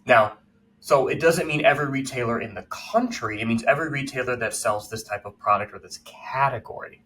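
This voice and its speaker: A man co-hosting a podcast while sick with a cold, relaxed and explanatory. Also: medium pitch, fairly quick. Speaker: podcast co-host. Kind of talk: casual podcast chat.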